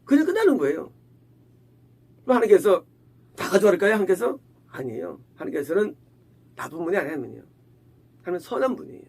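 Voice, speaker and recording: A male pastor with a high, husky voice that swoops up and down as he preaches. He talks to the congregation like a conversation, firing off rhetorical questions and playing out little quoted exchanges. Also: big pitch swings, fast talker, pauses often, a little mellow. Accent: Korean. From Korea. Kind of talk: sermon.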